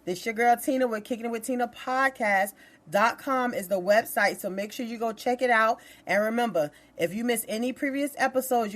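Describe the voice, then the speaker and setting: Woman, podcast host, casual storytelling, animated, exasperated, slang-heavy. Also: on the high side.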